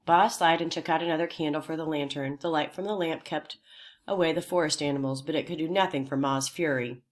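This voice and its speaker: A woman reading a children's novel aloud in a steady, unhurried storytelling voice. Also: deep voice. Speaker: audiobook reader.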